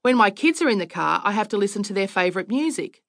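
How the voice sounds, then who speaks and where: A woman's voice: mid-range voice, animated, fast talker, a bit bright, no room sound, studio quality. A middle-aged Australian woman narrating her own audiobook memoir with wry, self-mocking storytelling. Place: recording studio.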